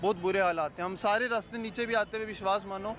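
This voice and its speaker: A male pilgrim interviewed outdoors, recounting events in a halting way. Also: sits high, fairly even intonation. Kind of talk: street interview.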